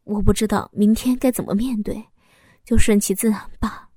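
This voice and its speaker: A woman voicing a defeated, ashamed husband who speaks low, with sighs and halting pauses. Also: fairly even intonation, warm tone, slightly rough, no room sound, studio quality, lightly acted.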